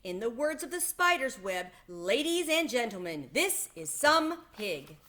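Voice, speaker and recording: A woman voicing a booming, pompous male fairground announcer from a storybook, with a declamatory, oratorical delivery. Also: big pitch swings, a little slow, a bit bright. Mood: solemn, proud.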